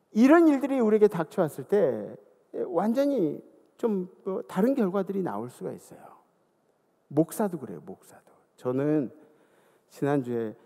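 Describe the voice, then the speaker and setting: A man in his fifties preaching a sermon, his high voice rising and falling a great deal as he tells stories and throws questions at the congregation. A gravelly edge runs through his speech, and each phrase rings out in the long reverb of a church hall. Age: 50s. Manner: animated storytelling with rhetorical questions to the congregation. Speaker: pastor. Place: church sanctuary.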